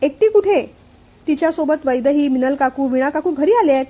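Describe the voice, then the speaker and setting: A woman's voice: high voice, lively intonation, normal speed, warm tone. A woman voicing an anxious young man, the younger brother, in a family storybook reading. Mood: eager.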